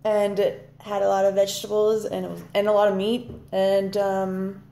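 A woman's voice: mid-range voice, completely flat delivery, normal speed, vocal fry, dark tone. A young woman in her twenties chatting casually as a vlog co-host, rambling and searching for words with a giggle. She speaks to a phone held at arm's length inside a large greenhouse. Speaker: vlog co-host, farm intern. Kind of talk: casual chat. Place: large dome greenhouse, indoors. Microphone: phone camera at arm's length. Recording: echoey greenhouse.

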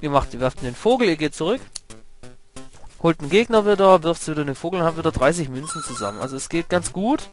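A let's play commentator, young and excitable, talks quickly and chattily over his gameplay, swearing when things go badly and explaining tricks to viewers. His voice is a little high, with video game music clearly audible in the background.

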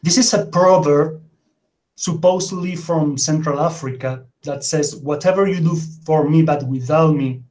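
At a moderate pace and in a somewhat high voice, a Spanish-speaking Argentine man in his forties delivers a conference presentation remotely from an indoor room at home. He's hesitant and animated with lots of fillers, and the webcam audio is poor.

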